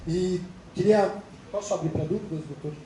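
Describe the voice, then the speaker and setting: In a meeting room, a company representative with a Brazilian Portuguese accent gives a business presentation to creditors, explaining things fast and acting out quoted dialogue. His voice is high and warm, and the recording has a roomy, hall-like sound with light noise.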